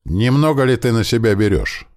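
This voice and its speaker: A man's voice: mid-range voice, expressive, moderate pace, darkish tone, pitched above the performer's own voice, close to an everyday voice. A man playing a menacing young thug leader who threatens and hisses through his teeth.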